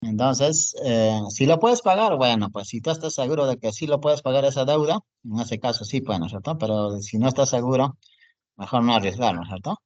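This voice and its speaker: Fairly quick and with lively intonation, a man with a medium, slightly mellow voice lectures an online class, typing on screen as he goes. He often asks if students follow, leaning on "jóvenes" and "¿no es cierto?" again and again. It's a dull, dry recording.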